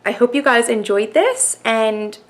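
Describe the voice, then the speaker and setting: A young woman vlogger chatting casually while reviewing a toy, soft-spoken with many fillers, recorded at home on a camera mic. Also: on the high side, animated, a little slow.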